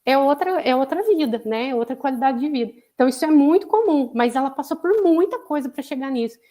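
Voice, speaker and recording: A woman's voice: high voice, animated, fast talker, mellow. A woman psychologist with a Brazilian accent giving a conversational lecture, explaining patiently and often adding "né?" as a tag. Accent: Brazilian Portuguese. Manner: explanatory, frequent "né?" tags. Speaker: psychologist, guest speaker. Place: online live broadcast.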